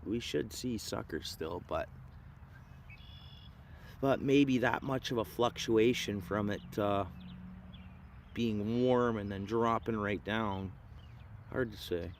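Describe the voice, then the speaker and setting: In a lowish voice, slow and with long pauses, a Canadian livestreamer with an Ontario accent talks casually to viewers from a fishing spot outside. His laid-back slang includes "dude," "man," and "bro," and the ambient outdoor noise comes through clearly.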